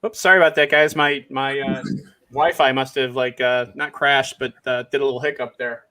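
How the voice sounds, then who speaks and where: A man's voice: mid-range voice, steady tone, moderate pace, sharp tone. A man hosting a live football show, chatty, with many fillers, laughing easily. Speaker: show host. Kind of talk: casual sports chat.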